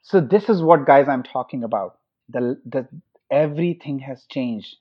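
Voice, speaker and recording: A man's voice: mid-range voice, normal speed. A man speaking as a doctor on a podcast, patiently explaining with everyday examples and questions to his hosts. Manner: patient, example-driven, asks listeners questions. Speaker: doctor and podcast guest expert. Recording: muffled lo-fi recording.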